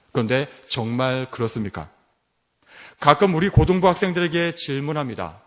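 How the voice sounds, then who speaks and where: A man preaching a sermon as pastor, asking rhetorical questions and rising to emphatic peaks. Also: mid-range voice. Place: church sanctuary. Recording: long hall reverb.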